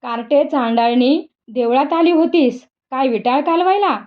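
A woman's voice: high-pitched, moderate pace, close to an everyday voice. Woman doing hot-tempered older village Brahmin man, ranting, insulting, storybook, dull audio. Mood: angry.

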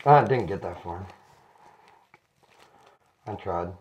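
A man in his 40s or 50s, lying down as a chiropractic patient, chats casually and ramblingly during treatment in a small indoor chiropractic office. His voice sits low with lively intonation and a slow pace, and the recording has noticeable background noise and clicks.

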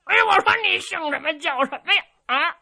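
A woman's voice: very high-pitched, normal speed, sharp tone, voice pushed up, exaggerated voice. A woman voicing a naive, simple-minded young giant of a man, with a childlike, blunt, cheeky way of asking questions.

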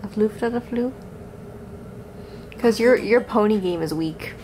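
A woman's voice: medium pitch, unhurried, a little mellow, a little hiss or hum, rough recording. A young woman chatting playfully with a friend in a casual vlog. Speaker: vlogger. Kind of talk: casual chat.

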